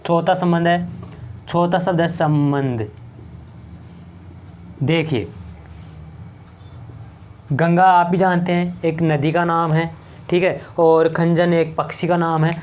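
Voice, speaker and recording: A man's voice: on the high side, fairly even intonation, slow, long pauses, a little mellow. A male teacher gives a patient, step-by-step board lecture. He goes over each point more than once and keeps asking his students questions before answering them himself. The faint scratch of a marker on a board runs behind him. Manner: repeats points and asks rhetorical questions. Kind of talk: whiteboard lecture.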